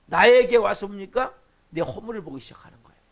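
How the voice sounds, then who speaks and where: A middle-aged male pastor preaching a dawn-service sermon, firing rhetorical questions at the congregation and dropping from loud urging to hushed lines. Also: high-pitched, animated, fast.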